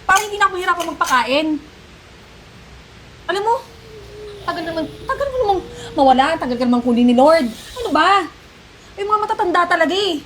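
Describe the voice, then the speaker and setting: An actress plays a heartless young woman who berates her aged mother in a very high, shrill voice. Her tone is scolding and mocking, melodrama style. Faint noise sits behind the voice. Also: expressive, fast, long pauses, fairly bright tone. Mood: contemptuous. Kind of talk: melodrama acting.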